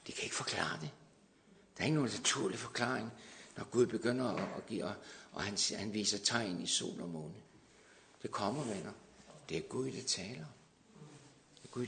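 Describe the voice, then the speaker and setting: A man preaching a charismatic revival sermon, dropping to hushed asides and rising to loud, fervent exclamations while checking in with his congregation. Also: medium pitch, vocal fry. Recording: long hall reverb.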